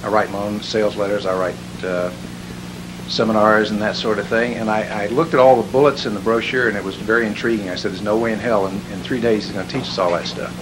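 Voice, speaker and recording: A man telling a seminar testimonial as an animated storyteller who chuckles at his own jokes. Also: lowish voice, quick pace. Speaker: seminar attendee giving a testimonial. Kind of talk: spoken testimonial. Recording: hissy background noise.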